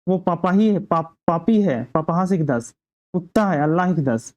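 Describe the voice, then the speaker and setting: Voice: mid-range voice, lively intonation, moderate pace, darkish tone, lo-fi sound, close to an everyday voice. A narrator voicing an angry, wronged young village woman who scolds bitterly while retelling a play. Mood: scolding.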